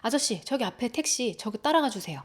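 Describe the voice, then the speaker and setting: A woman voicing a frightened, suspicious teenage boy who blurts out his worries and shouts in panic. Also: on the high side, sing-song, a little fast. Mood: puzzled.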